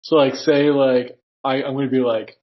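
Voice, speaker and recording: A man's voice: mid-range voice, flat delivery, moderate pace, dull audio. A young man co-hosting a podcast, goofy and playful, often trailing off mid-sentence. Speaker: podcast co-host. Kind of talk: casual chat.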